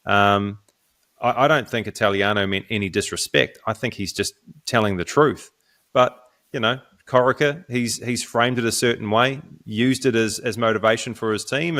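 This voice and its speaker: Halting New man, low voice. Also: fairly even intonation, a bit bright. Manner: halting, many restarts. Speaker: podcast co-host. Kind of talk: casual sports chat.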